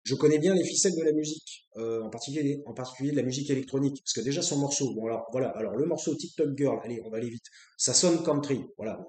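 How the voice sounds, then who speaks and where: A man's voice: medium pitch, fast talker, warm tone. A man from France hosting his own show, talking off the cuff in a rambling, blunt and crude way, with many fillers and restarts. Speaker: host. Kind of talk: unscripted casual monologue. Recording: echoey room.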